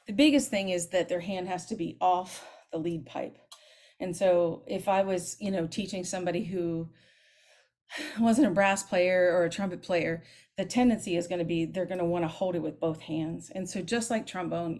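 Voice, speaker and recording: A woman in her fifties, a middle school band director, explaining trumpet technique in a lively, chatty way and demonstrating as she talks. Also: lowish voice, moderate pace. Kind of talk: teaching clinic, explaining technique.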